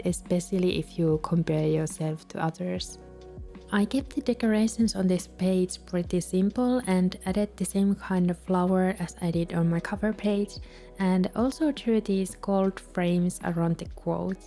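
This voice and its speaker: With a mid-range voice and a Finnish accent from her native language, this bullet journal vlogger quietly voices over her journaling video. Her delivery is soft, soothing, and unhurried.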